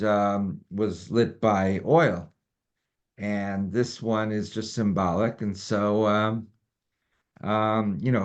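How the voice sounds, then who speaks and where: Study leader, male, lower voice, relaxed rambling explainer; dull lo-fi recording. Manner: relaxed, rambling with many fillers. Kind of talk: informal teaching talk.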